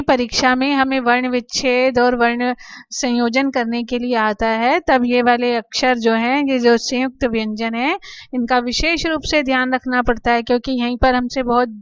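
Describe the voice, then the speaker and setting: A woman teaching children Sanskrit letters, explaining slowly and patiently, asking questions and answering them herself. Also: on the high side, smooth, dry recording, dull audio. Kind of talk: slow classroom explanation to children.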